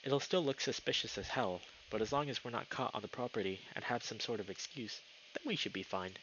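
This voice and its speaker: Talking a little fast in a fairly bright mid-range voice, this game streamer chats casually and reads the story aloud, sometimes tripping over words. The recording from his noise-filtered streaming mic is muffled, with a little hiss or hum.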